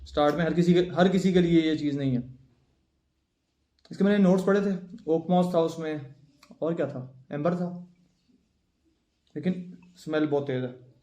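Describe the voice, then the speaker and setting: A man's voice: on the high side, pauses often, warm tone, roomy sound. A man chatting casually as he unboxes and sniffs perfumes at home, thinking aloud as he handles each bottle, recorded on a phone with a plug-in mic. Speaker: perfume reviewer. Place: at home, indoors. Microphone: phone with plug-in USB-C mic.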